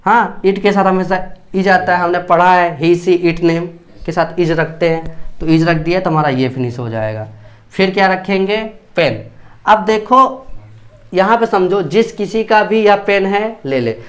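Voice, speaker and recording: High-voiced male teacher, explaining patiently. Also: measured pace. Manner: repeats points and checks understanding often. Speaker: English teacher. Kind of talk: classroom grammar lesson in Hindi.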